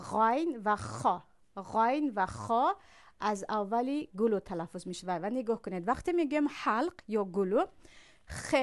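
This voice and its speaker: A woman with a Tajik accent teaching a pronunciation lesson, slowly drawing out and repeating sounds made deep in the throat. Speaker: Quran recitation teacher.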